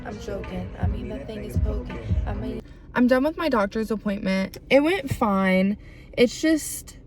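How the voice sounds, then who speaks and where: A young woman talking candidly to camera in a casual vlog, chatty and full of likes. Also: medium pitch. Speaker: vlogger.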